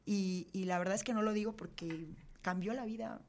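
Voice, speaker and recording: A woman's voice: medium pitch, fairly even intonation. Earnest woman recounting a story. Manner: earnest, halting, with frequent fillers. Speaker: podcast guest. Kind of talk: personal storytelling in an interview.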